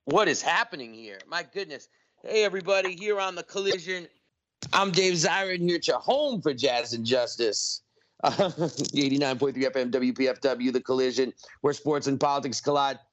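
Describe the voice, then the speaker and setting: A man hosting a radio talk show, speaking with energy and emphasis as he makes a pledge appeal and spells out details slowly. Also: fairly high pitch, fairly bright tone, dull audio, a little hiss or hum.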